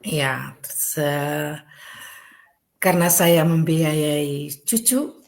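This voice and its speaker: An older woman, a grandmother, introducing herself on an online talk in a gentle, soft-spoken way over a video call. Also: low-pitched, very slow. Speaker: guest panelist. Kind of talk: casual chat.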